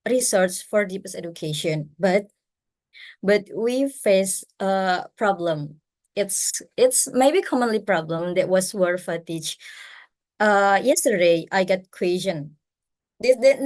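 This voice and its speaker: A woman's voice: mid-range voice, darkish tone. A woman with an Indonesian accent asking a question in an online panel, earnest and prone to restarts. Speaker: audience questioner.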